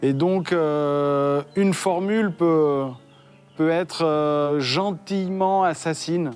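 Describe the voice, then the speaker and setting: Slow, smooth-voiced interviewee. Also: medium pitch, darkish tone, soft background music. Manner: slow, carefully weighed phrasing.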